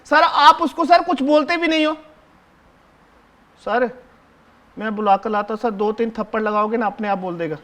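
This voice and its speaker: A cheeky seventh-grade schoolboy, played by a man on stage in a one-man show, talking straight to the audience in a very high, boyish voice. He hushes and orders his classmates around and tattles to the teacher, sprinkling "sir" into every sentence. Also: moderate pace, long pauses. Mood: bossy, tattling. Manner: bossy, chatty, keeps hushing and ordering classmates; fawning toward the teacher, repeats "sir" constantly. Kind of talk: live solo stage acting, addressing the audience.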